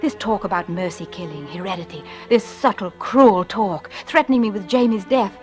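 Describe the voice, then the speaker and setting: A woman with a natural, darkish, medium-pitched voice speaks at a moderate pace, faint music behind her. It's an old recording of 1940s radio drama, and she plays an anxious, frightened young mother. Her confiding narration is earnest, tremulous and dramatic.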